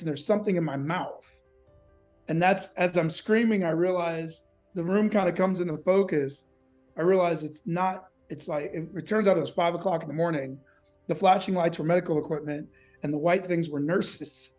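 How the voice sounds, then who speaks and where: A man telling a personal story in an interview, animated and casual, swearing and acting out what people said. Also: sits high, moderate pace, soft background music. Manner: animated, acts out quotes, casual and profane.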